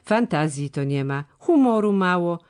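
A reader voicing an old treasurer who lisps and stammers, a sharp, scornful critic in an audiobook. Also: mid-range voice, animated, moderate pace, pitched above the performer's own voice, lightly acted. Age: older. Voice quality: lisping, stammering. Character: old male treasurer, sharp-tongued and grumbling. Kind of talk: audiobook character voice.

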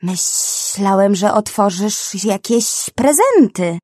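A woman's voice: medium pitch, lively intonation, a little mellow, husky, no room sound, clean studio sound. Figure: a woman doing a greedy male snake. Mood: disappointed, lecturing. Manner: slow, drawn-out, hissing threats. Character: greedy, pompous male jungle snake, menacing.

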